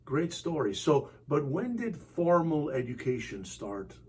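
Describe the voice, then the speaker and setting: A man hosting a podcast interview, asking open questions in a relaxed, chatty way. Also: on the high side, a little slow. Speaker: podcast host. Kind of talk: conversational interview. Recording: distant mic with faint background noise.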